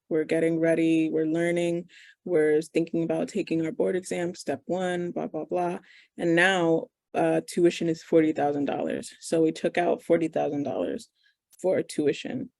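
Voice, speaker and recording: A young woman in her twenties answers interview questions as a medical student over a video call. Her voice is dark and gravelly, with a dry sound close to the mic. She talks casually and thinks aloud, with plenty of fillers. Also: deep voice, little pitch movement, moderate pace, no room sound. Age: 20s.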